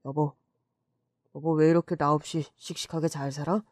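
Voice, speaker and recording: A man acts out a late husband who visits his grieving wife in a dream for an audio story. He speaks tenderly and soothingly in a slightly higher-pitched voice. The recording is dry and close. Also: little pitch movement, normal speed, no echo, natural voice. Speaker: voice actor in a narrated story.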